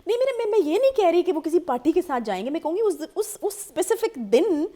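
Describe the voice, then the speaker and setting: A woman's voice: very high voice, big pitch swings, warm tone. A woman from Pakistan hosting a studio talk show, probing her guest and interjecting often.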